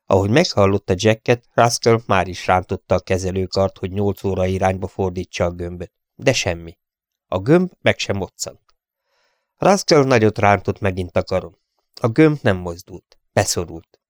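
A man narrating an audiobook in a measured, dramatic way, voicing each character. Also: deep voice, dry recording, clean studio sound.

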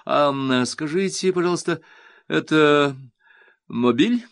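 A man's voice: on the high side, slow pace, no echo, clean studio sound, pitched above the performer's own voice. A man voicing a businesslike, gushing woman art patron who is polite and eager. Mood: hesitant.

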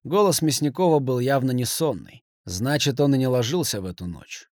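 A man narrating a crime novel audiobook in a dramatic, expressive reading style. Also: mid-range voice, normal speed, no echo, clean studio sound. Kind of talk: scripted narration.

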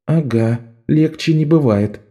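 A man voicing a bossy, sharp-tongued young girl thief who leads a gang of boys, scolding and commanding. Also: a little high, unhurried, voice pushed up, lightly acted. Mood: exasperated.

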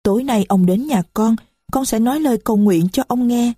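A woman's voice: on the high side, brisk, mellow, slightly rough, no echo, studio quality, voice pushed up. A woman voicing a shy, polite little girl in an audio story, with a timid, childlike manner. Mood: innocent. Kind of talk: audiobook reading.

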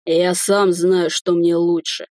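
A woman's voice: lowish voice, flat delivery, slow, a little mellow, dry recording. A woman reading the part of a drunk, defiant male hotel owner in an audiobook, with a dry close sound. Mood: mocking. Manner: blunt, defiant.

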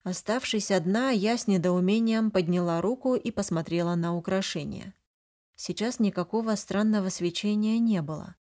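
A woman's voice: medium pitch, normal speed, dark tone. A woman narrating a first-person fantasy audiobook, flustered and emotional in the heroine's lines.

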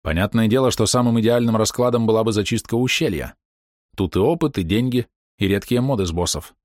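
A man narrating an audiobook in an expressive storytelling manner. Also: fairly low pitch, fairly quick, no echo, clean studio sound. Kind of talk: scripted narration.

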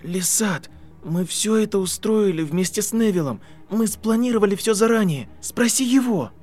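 Male reader as an earnest, clever boy, voice raised in pitch; faint music behind. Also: animated, normal speed, darkish tone. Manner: earnest, at times hoarse and strained.

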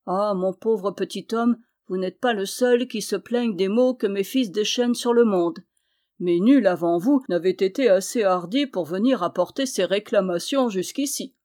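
A woman's voice: medium pitch, normal speed, a little mellow, natural voice. A woman reading aloud, voicing an ancient giantess who is mother of the winds, stern yet kindly and firm in tone.

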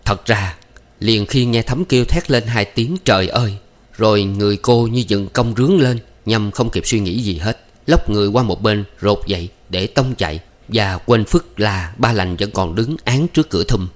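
Low-voiced male story narrator. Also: moderate pace. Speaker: audiobook narrator.

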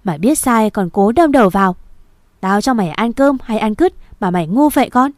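A harsh village father who shouts and threatens his grown daughter in a fast, raging storybook voice, as a woman reader puts him on. The tone is mellow and dark, recorded dry and close. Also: medium pitch, lively intonation, no echo, lightly acted. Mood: furious. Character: harsh angry village father, middle-aged man.

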